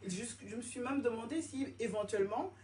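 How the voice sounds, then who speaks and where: A woman in her forties from France, telling her own story in a casual interview, animated and acting out the voices she quotes. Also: a little high, brisk, a crowd in the background. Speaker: interview guest, fashion designer. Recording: roomy echo, distant mic, faint noise.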